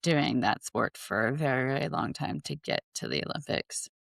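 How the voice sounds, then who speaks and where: A woman's voice: extremely low pitch, very animated, normal speed, creaky, dry recording, clean studio sound. A woman co-hosting a podcast in casual chat, rambling and hesitant with many fillers and restarts. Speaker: podcast co-host.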